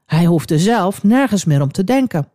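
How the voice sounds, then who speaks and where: A woman narrating a Bible story for children, expressive and speaking directly to young listeners. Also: on the low side, normal speed, dry recording, clean studio sound.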